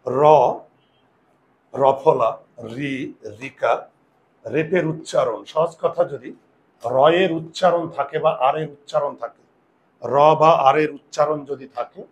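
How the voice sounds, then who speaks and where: A man's voice: a little high, slow, long pauses. A man teaching a Bengali grammar lesson, patiently repeating key points and asking and answering his own questions.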